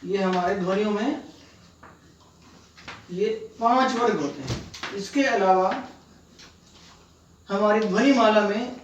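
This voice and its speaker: Slow, patient male teacher in an echoey room. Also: sits high, recorded from a distance, slight background noise. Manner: slow, patient, spelling out sounds one by one. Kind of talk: slow, deliberate classroom lesson.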